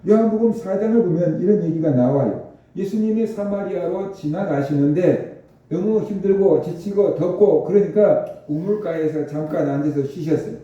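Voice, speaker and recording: A man preaches in a very reverberant church sanctuary, his fairly high voice sounding dark and mellow. He explains Scripture and keeps asking his listeners rhetorical questions. The mic sits at a distance and the sound is somewhat dull. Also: normal speed. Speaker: pastor. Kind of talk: sermon.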